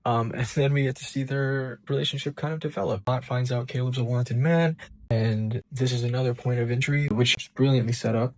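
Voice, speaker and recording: A man's voice: mid-range voice, steady tone, brisk, darkish tone, poor audio. Enthusiastic man breaking down an episode. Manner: enthusiastic, gushing fan; frequent ums and restarts. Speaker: show reviewer and channel host.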